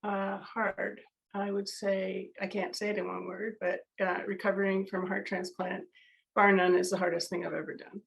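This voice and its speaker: Gravelly-voiced woman from Canada. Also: medium pitch, flat delivery, normal speed, poor audio. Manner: candid, conversational, many fillers and restarts. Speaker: guest. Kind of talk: casual video-call interview.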